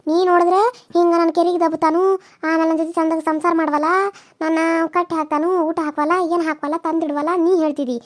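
A woman's voice: very high-pitched, little pitch movement, quick pace, no room sound, clean studio sound. Woman doing a fiery old village aunt. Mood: scolding. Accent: North Karnataka Kannada. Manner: scolding, indignant. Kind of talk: cartoon serial voice acting.

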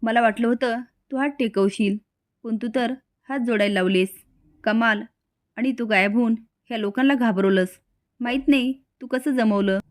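A woman's voice: fairly high pitch, moderate pace, no room sound, clean studio sound, lightly acted. A woman voicing a fussy, condescending, scheming rich mother. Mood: gloating. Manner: condescending, fussing.

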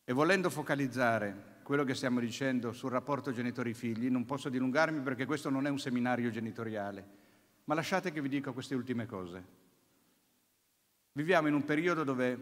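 A man's voice: medium pitch, a little fast. A male Italian preacher giving a sermon, telling a personal testimony and acting out family dialogue. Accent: Italian, Neapolitan region. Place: church. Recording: church hall reverb.

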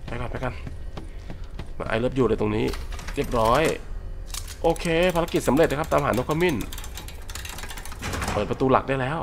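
A man's voice: mid-range voice, normal speed, vocal fry, long pauses, a little hiss or hum. A Thai man talking through a horror game, chatty, repeating words and reading game text aloud. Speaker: game streamer. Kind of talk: let's play commentary. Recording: voice over game music. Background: game music.

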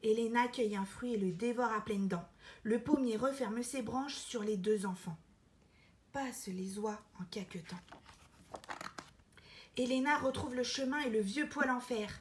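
High-voiced woman reading a storybook. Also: normal speed, a little hiss or hum. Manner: lively storyteller, soft breathy whispers for quiet narration. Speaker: storyteller reading a picture book.

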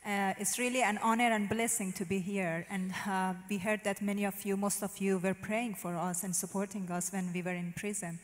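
A woman in her thirties, Iranian and a native Farsi speaker, gives testimony as an interview guest into a handheld microphone on a church stage, where her voice trails off in the long reverb of a large hall. She speaks Persian-accented English with non-native phrasing in a medium-pitched, steady, narrow melody, halting often with "uh" as she looks for words.

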